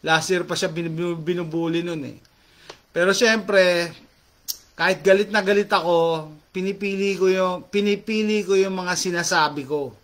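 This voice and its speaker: A talkative middle-aged man hosts a casual chat with his viewers, reading their comments aloud. His voice sits slightly higher than most men's. He switches freely between Tagalog and English phrases, leaning on fillers as he talks. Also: fairly even intonation, moderate pace, a bit bright.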